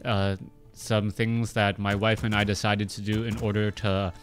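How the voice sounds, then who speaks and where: A Cantonese-speaking man in his thirties casts a strategy game match with casual play-by-play, full of fillers and restarts. His lowish voice is level in tone and measured in pace, with faint music behind.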